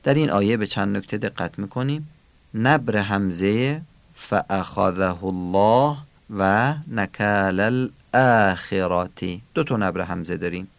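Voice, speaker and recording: A man teaching a Quran recitation lesson, calmly explaining pronunciation rules and slowly drawing out example words. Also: fairly low pitch, gravelly, no echo.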